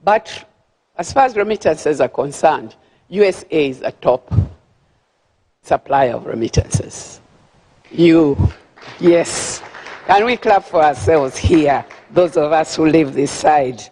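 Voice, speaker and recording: A woman's voice: deep voice, expressive, slow pace, long pauses, warm tone, husky. An older woman with a Ugandan accent addresses a banquet crowd from a podium. She talks in a chatty, easygoing way and keeps stumbling over repeated words as she gathers her thoughts. Her voice rings out with a long reverb across a large hall. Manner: chatty, repeats words while searching for them, laughs at her own remarks. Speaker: guest speaker at a gala. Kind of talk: formal speech with friendly asides.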